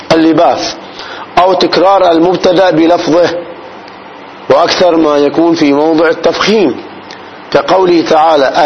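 Speaking in a slightly raised voice that's a little high, a man teaches a classical grammar lesson, breaking down each point slowly. He keeps checking whether his students understand. The recording is dull, with a faint hiss behind him.

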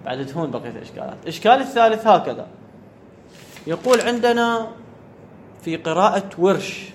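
A man's voice: high voice, expressive, quick pace, slight background noise. A man giving a classroom grammar lecture, often checking whether his students follow and repeating the key words. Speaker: teacher of Arabic grammar.

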